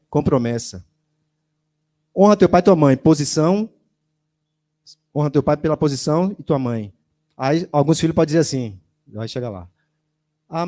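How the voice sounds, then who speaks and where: A man's voice: fairly high pitch, dark tone. A man preaching a sermon in a church, in a conversational way that keeps putting questions to the congregation and acting out quoted voices. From Brazil. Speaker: lay preacher.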